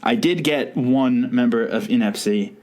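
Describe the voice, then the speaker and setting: Casual male podcast co-host, rambling and self-mocking, quick to laugh. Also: mid-range voice, a little mellow.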